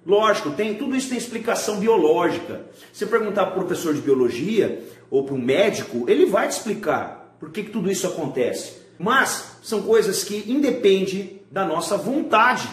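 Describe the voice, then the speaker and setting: Lively high-voiced man teaching. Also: reverberant. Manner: animated, asks rhetorical questions and acts out examples. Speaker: art teacher. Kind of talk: recorded video lesson for schoolchildren.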